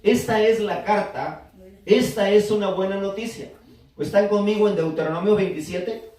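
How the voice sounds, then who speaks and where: At a moderate pace, a man with a high, darkish voice delivers a sermon, teaching and asking his listeners to answer back. He is recorded from far off in an echoing church.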